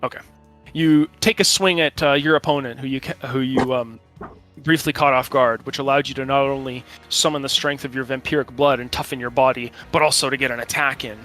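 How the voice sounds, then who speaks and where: A man acting as game master, narrating and refereeing a tabletop role-playing game in an informal, halting way. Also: medium pitch, fairly even intonation, fairly bright tone, soft background music. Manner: informal, halting while checking rules.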